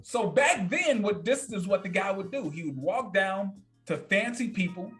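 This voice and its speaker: High-pitched guy in his 30s telling a story on a podcast, blunt and emphatic, voice bouncing all over. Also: animated, normal speed, a bit bright, faint music behind. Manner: emphatic, blunt, repeats points for effect. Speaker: podcast guest. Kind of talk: casual animated storytelling.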